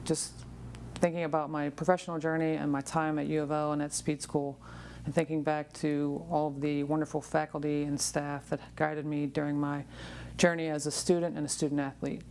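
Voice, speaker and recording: A woman in her fifties with a very low, gravelly voice gives a prepared acceptance speech. Her intonation stays fairly even, and there is some noise in the recording. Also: normal speed. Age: 50s. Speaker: award recipient.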